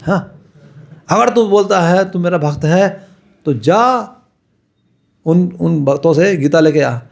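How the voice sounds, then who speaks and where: A man doing a stern scolding saint, higher pitched. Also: slow, gravelly, exaggerated voice. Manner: angry, scolding, raised voice. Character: stern scolding saint in a dream, male, older.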